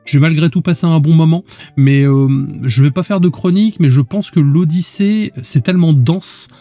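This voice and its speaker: A man's voice: fairly high pitch, moderate pace, mellow, no echo, faint music behind. A man co-hosting a podcast in casual chat, with a nasal, congested voice from illness, rambling with many fillers. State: sick, congested voice. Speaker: podcast co-host.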